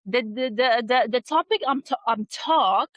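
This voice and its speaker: A woman in her thirties co-hosts a casual podcast chat in English, which isn't her first language, so her grammar is non-native and she repeats words while searching for phrasing. Her voice is on the high side, fairly bright, and a little slow, with no room sound.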